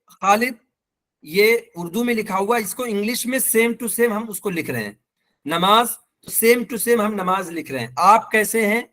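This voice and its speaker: A man with a Pakistani accent gives an online language lesson in a fairly high, light voice. He is patient and walks through each example slowly, saying it twice. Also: a bit bright. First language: Urdu. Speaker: teacher.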